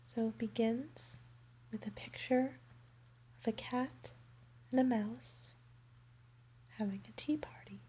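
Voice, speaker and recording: Slow, soothing whispering woman. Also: on the high side, mellow, slightly rough, poor audio. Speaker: ASMR roleplay performer. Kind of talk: ASMR bedtime roleplay.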